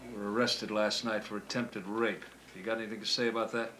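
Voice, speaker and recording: An actor playing a middle-aged American police detective, a tough cop who talks bluntly and threateningly in a film drama. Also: male voice, on the low side, little pitch movement, fairly quick, pushed and bright, a little hiss or hum. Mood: menacing. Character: hard, menacing, impatient male police detective. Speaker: police interrogator. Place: small indoor police office.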